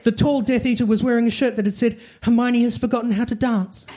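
Speaking fast in a very high-pitched voice with a dark tone and fairly even intonation, a man reads comic fan fiction aloud like a storybook, with dramatic delivery. Faint background noise and clicks accompany him.

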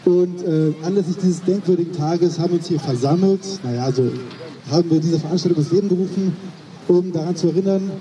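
A woman's voice: on the low side, brisk, warm tone. A woman giving an informal public welcome speech as an event organiser. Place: outdoor urban square, heard from some distance. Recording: distant microphone, muffled outdoor pickup.

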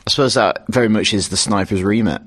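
A man's voice: on the low side, fast talker. A man co-hosting a comedy podcast, chatting casually with dry quips and many fillers. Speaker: podcast co-host.

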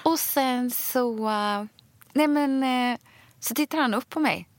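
Animated Swedish woman telling a story. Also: fairly high pitch, dry recording. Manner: animated storyteller, acts out both sides of dialogue. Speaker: podcast co-host. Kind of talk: casual chat.

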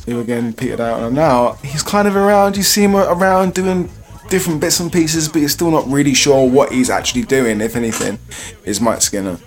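A man's voice: mid-range voice, fairly quick, faint music behind. A British-accented man chatting casually, enthusiastic and given to swearing. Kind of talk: casual chat.

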